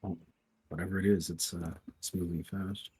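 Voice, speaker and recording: Deep, husky, fast-talking man. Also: little pitch movement, darkish tone, no room sound. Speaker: tabletop game player. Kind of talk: casual in-game chat.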